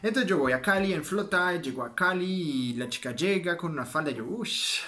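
Chatty French man, slightly high voice. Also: fast. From France. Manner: animated, chatty, self-mocking. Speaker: vlogger. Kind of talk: casual storytelling to camera.

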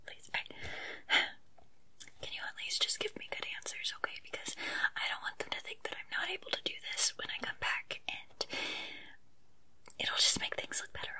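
A woman in a whispered role-play as an earnest, unsure investigator, breathy and gently coaxing as she questions a witness. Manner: hesitant, coaxing, soft-spoken questioning.

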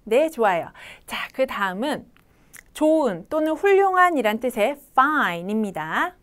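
Slow lively woman teaching kids. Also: a little high. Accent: Korean. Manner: slow, lively, coaching kids to repeat sounds. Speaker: English teacher. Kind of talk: children's pronunciation lesson.

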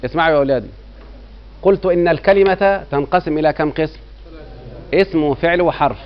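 Egyptian male grammar teacher, middle-aged, higher-pitched voice, keeps quizzing his class, dull lo-fi sound. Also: fast. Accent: Egyptian Arabic. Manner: keeps quizzing students with rhetorical checks. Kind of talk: classroom lecture. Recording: dull lo-fi recording.

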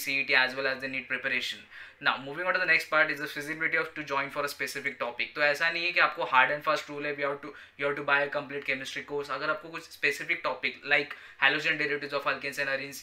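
Male chemistry tutor in his thirties, fairly high voice with a piercing edge, mixes Hindi and English. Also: sharp tone. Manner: switches between Hindi and English, keeps checking in with the class; explains with simple everyday comparisons. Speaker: chemistry teacher. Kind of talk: online lecture.

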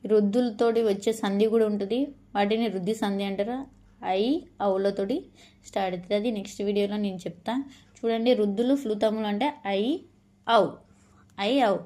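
With a warm, steady, mid-range voice, a woman teaches an exam-prep lesson, slowly repeating each letter of the alphabet and drawing it out.

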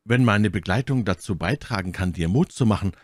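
An earnest, devoted young sweetheart from a classic storybook, lifted a little higher and brighter than the reader's own deep voice, as a man puts her on. The room around her is close and dry. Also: fairly quick, no echo, natural voice. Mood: eager, earnest. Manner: hesitant, then eagerly earnest.

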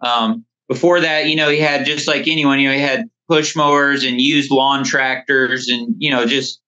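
A bright-voiced man on a muffled phone line talks at a moderate pace, his mid-range voice fairly even. In his thirties, he owns a lawn care business and rambles through stories as a casual podcast interview guest, leaning on "you know."

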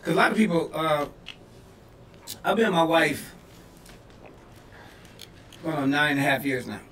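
Bright-voiced joking man in a roomy echo. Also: fairly high pitch, lively intonation, unhurried, a little hiss or hum. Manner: loose, joking, laughs often, rambling restarts. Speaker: podcast co-host. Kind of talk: casual comedy podcast banter. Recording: roomy echo, mic a bit far off.

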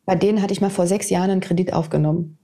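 A woman in her fifties, a TV presenter, telling her personal story to an interviewer in a candid, animated way. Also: fairly low pitch, rapid-fire. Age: 50s. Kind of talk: personal testimony in conversation.

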